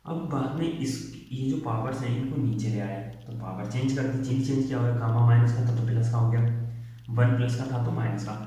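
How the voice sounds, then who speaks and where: A male physics teacher working through derivations step by step, often pausing to check in with his students. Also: medium pitch, fairly even intonation, dark tone. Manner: explains step by step, often checks with "theek hai". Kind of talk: whiteboard lecture. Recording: echoey room, distant muffled mic.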